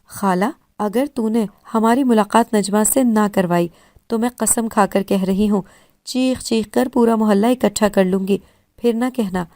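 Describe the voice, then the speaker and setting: This is a bold, hot-tempered teenage girl from a storybook, quick with threats and sharp words, as a woman narrator plays her. Her tone stays soft and mellow, with no room around it. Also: mid-range voice, no echo, clean studio sound, close to an everyday voice. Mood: angry. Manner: sharp and scolding.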